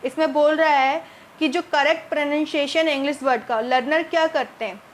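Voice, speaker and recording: Female tutor, high-pitched, questioning teaching style, faint room noise. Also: fairly even intonation. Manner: reads English options slowly, then explains in Hindi with rhetorical questions. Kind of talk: exam-prep lesson walking through multiple-choice questions.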